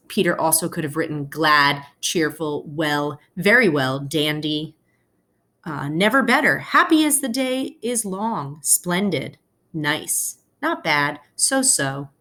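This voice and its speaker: A woman teacher reads a children's picture book aloud to her students, explaining things informally and choosing her words with care. Her voice is low and animated with a sharp edge, and she takes her time.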